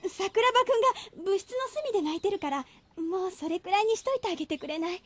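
An actress voicing a gentle, soft-spoken teenage girl in an anime drama CD. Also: very high voice, lively intonation, quick pace, no room sound. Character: sweet gentle schoolgirl friend.

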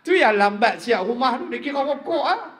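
A man with a northern Malaysian accent, preaching a sermon as a lively storyteller who jokes with his audience. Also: very high voice. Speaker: religious preacher. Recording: reverberant hall.

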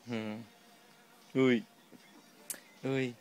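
A woman talking to a baby at home at night in cooing, sing-song baby talk. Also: rumbling low.

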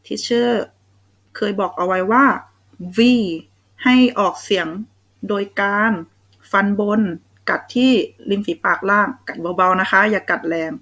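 A woman's voice: mid-range voice, slow pace, bright, forceful tone, low-quality recording. A young Thai woman teaching children English phonics, sounding out letters one at a time and praising them. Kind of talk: slow, patient phonics lesson for kids.

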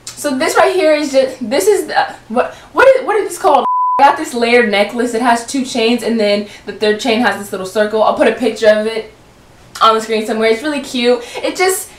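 A woman's voice: a little high, brisk, roomy sound, slight background noise. A young woman chatting casually through a clothing try-on haul, giggly and often stumbling over her words. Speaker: vlogger.

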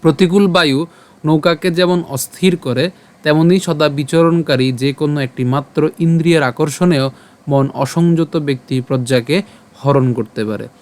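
A man leads an online pronunciation lesson, drawing each syllable out slowly before chanting whole verses. His voice sits a little high and sounds smooth and resonant. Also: a little mellow. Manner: slow, careful syllable-by-syllable drilling, chanting verses. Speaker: Sanskrit recitation teacher.

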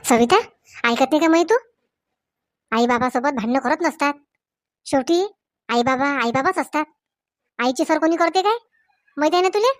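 A woman's voice: sits high, moderate pace, pauses often, no room sound, lightly acted. A woman voicing a stern young husband in a comedy sketch, firm and scolding, in a Varhadi Marathi accent. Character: young husband, stern, trying to keep the peace.

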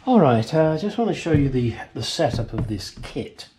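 A man's voice: on the high side, very animated, moderate pace, mellow. A middle-aged man with an English accent giving a casual hands-on demonstration, blunt, joking and sweary, in a small garage workshop. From England. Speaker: host of a garage how-to channel. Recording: clear ambient workshop noise.

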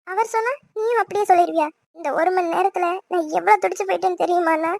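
A woman's voice: very high voice, steady tone, fast talker, vocal fry, darkish tone, dry recording. A woman voicing a hurt, angry young wife in a cartoon, scolding and indignant. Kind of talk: fan cartoon voice acting.

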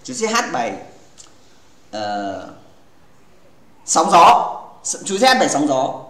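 A man with a fairly high voice chats casually on a gaming livestream, joking and teasing his viewers as he talks. He rambles and keeps restarting his sentences. His voice bounces around an echoey room. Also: wildly swooping pitch, slow, a bit bright. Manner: playful and teasing, joking with chat.

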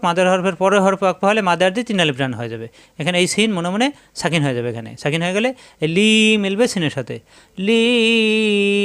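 A man with a high, smooth, resonant voice leads a tajweed lesson. He explains each rule slowly and repeats it. He breaks off into long, chanted recitation of the words he is teaching. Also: fairly bright tone.

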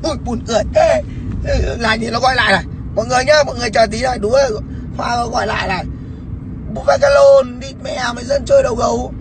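High-voiced man taunting on a livestream. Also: fast, background noise. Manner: mocking, profane, sarcastic. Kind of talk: taunting phone-call livestream.

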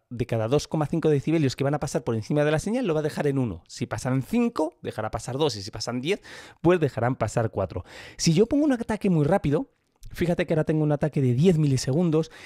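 Mellow man. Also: on the high side, no echo, studio quality. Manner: conversational, often asking the listener to notice. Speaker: audio gear tutorial host. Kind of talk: explaining and demonstrating equipment. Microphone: close studio microphone.

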